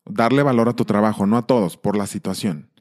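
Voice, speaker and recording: A man's voice: fairly low pitch, fairly quick, darkish tone. Emphatic man venting casually. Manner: emphatic, conversational, frequent restarts. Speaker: channel host. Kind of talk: casual vlog monologue.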